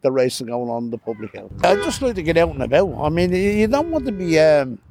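An older-sounding Irish man chatting casually in an interview in a halting, rambling way. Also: on the high side, big pitch swings, gravelly, a little mellow, a little hiss or hum. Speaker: street interviewee, bettor. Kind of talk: casual chat.

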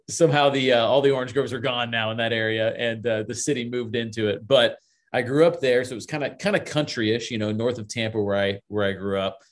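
A man in his forties from Florida, telling his story as a guest in a casual interview, chatty and upbeat. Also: mid-range voice. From Florida, USA. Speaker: guest, real estate investor.

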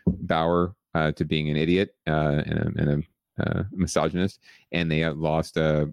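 A man's voice: rumbling low, little pitch movement, moderate pace, gravelly, darkish tone, clean tone, no echo, highs cut off. A man co-hosting a podcast, chatting casually about baseball with fillers, restarts and wry jokes. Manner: conversational, many fillers and restarts, wry humor. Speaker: podcast co-host. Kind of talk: casual sports chat.

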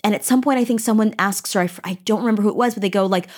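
A woman co-hosting a casual book podcast, animated and swearing freely as she acts out quotes from the story. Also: medium pitch, rapid-fire. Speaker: podcast co-host.

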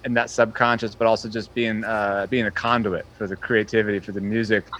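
A man's voice: on the low side, level tone, fairly quick, a bit bright, rough recording. A man interviewing a fellow musician in casual chat, earnest and appreciative, with many fillers and restarts.

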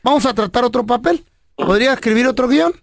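A man hosting a radio comedy show, making a prank phone call in a deadpan, mock-businesslike manner. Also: very high-pitched, fast talker, creaky. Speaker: radio prank caller and host.

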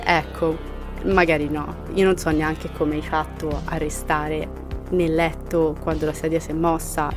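Female podcast host, lower voice, reads spooky stories with whispered moments and animated reactions. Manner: animated reactions, laughing, dropping to whispers for eerie parts. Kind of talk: reading listener horror stories.

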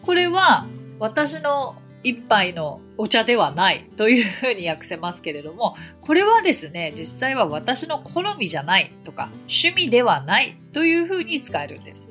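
A woman's voice: fairly low pitch, a bit bright. A woman from Japan hosting an English-learning podcast, explaining phrases in a chatty, encouraging way with everyday examples. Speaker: English teacher and podcast host.

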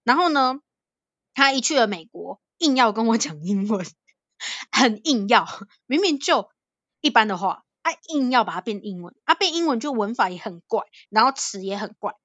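Animated woman from Thailand, storytelling. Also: fairly high pitch, moderate pace, dry recording, highs cut off. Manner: animated, laughs often, acts out quoted voices. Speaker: podcast co-host. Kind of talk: casual storytelling chat.

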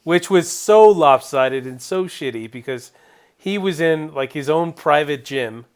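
A man co-hosting a casual sports podcast, teasing and animated as he tells stories. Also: fairly high pitch, a little slow, smooth. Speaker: podcast co-host.

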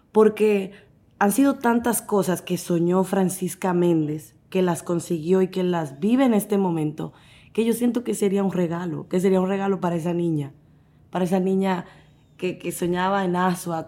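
A young adult woman from the Dominican Republic, speaking with a Dominican Spanish accent in a fairly low pitch, is a guest in a casual interview. She's animated and quick to laugh, acting out the voices of the people in her stories.

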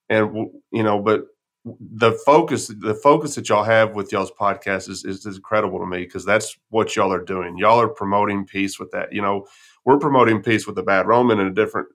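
A man's voice: lowish voice, fairly bright tone. A man with a folksy West Texas twang, talking casually and telling personal stories as a podcast host. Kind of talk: casual conversation, personal storytelling.

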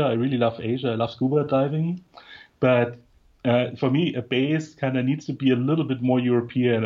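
Man from munich, casual interview guest, relaxed rambling talk, muffled lo-fi sound. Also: medium pitch, husky. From Munich, Germany. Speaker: co-working space founder, guest.

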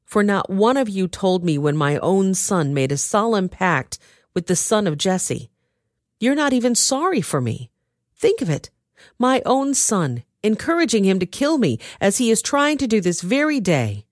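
A woman voicing a paranoid king who shouts accusations at his men. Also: mid-range voice, very animated, moderate pace, dry recording, clean studio sound, voice pushed up, lightly acted. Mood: furious.

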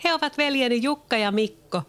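A storyteller voicing a young girl who is bossy and motherly, in a raised, sharp, scolding tone. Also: high-pitched, clear, resonant tone, voice pushed up. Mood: lively.

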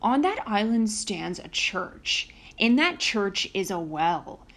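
A woman voicing a huge male giant from a fairy tale, blustering and gruff, with loud, drawn-out exclamations. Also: medium pitch, sing-song, full character voice. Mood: confiding.

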